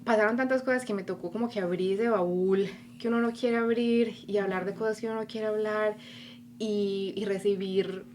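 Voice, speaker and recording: Her tone is steady and darkish, her pitch medium, her speed normal, and a little background noise can be heard. She's a Colombian podcast guest with a Colombian Spanish accent, relating her life story with animation and performing her inner voice in a relaxed interview chat.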